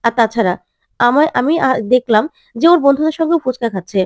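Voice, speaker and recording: A woman's voice: sits high, animated, fast, dry recording, clean studio sound. A woman voicing a teasing, self-assured young male doctor in a retold serial, rambling through his explanations.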